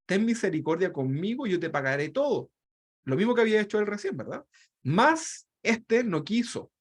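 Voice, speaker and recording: High-voiced man teaching a Bible lesson. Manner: reads scripture aloud and breaks in with asides; ends phrases with a questioning tag. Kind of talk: online Bible study lesson.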